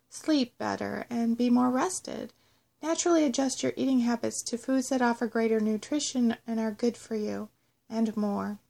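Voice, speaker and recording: A woman narrating a scripted guided meditation in a measured, instructional way. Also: on the high side, vocal fry, mellow. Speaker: host of a guided self-love meditation audio.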